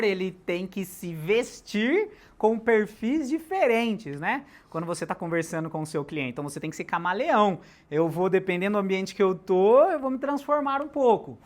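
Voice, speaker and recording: A man giving a live sales lecture, animated, shifting loudness and pace for emphasis and throwing questions at the audience. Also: sits high. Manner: talks directly to the audience with questions.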